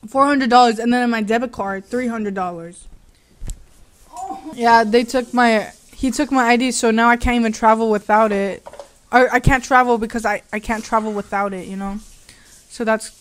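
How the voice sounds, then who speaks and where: Young woman, casual vlog storytelling, animated and sassy, a bit high. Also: moderate pace. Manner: animated, laughing, sassy retelling. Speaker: vlogger.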